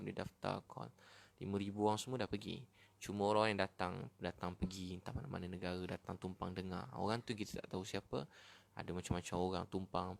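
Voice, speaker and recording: A Malaysian man giving a casual, animated sermon as a preacher, talking directly to his listeners. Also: on the low side, creaky. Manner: animated, chatty, addresses listeners as brothers and sisters. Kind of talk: casual sermon to an online audience.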